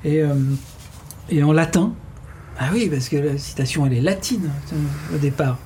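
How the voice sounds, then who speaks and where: A man's voice: on the high side, moderate pace, dark tone, a little hiss or hum. A man hosting a radio show, talking casually with many fillers and restarts.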